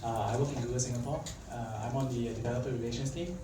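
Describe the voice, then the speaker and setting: In a mid-range voice that races along, a young Malaysian tech speaker gives a casual conference talk. He's talkative, leans heavily on fillers, and regularly asks listeners questions. Captured in a reverberant conference hall by a far-off mic, with a little background noise.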